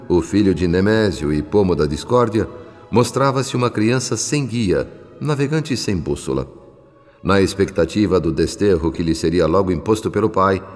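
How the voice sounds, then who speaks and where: A low-pitched male actor with a Brazilian accent plays a solemn spirit guardian narrating a radio drama about a family's troubles. His diction is formal, measured and literary, and the recording has long reverb over a bed of background music.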